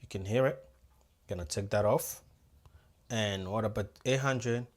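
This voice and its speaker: A man's voice: lowish voice, measured pace. A man giving a hands-on audio tutorial, talking casually to viewers and thinking aloud as he adjusts the equipment. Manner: talks straight to viewers as "guys". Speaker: audio-visual technician.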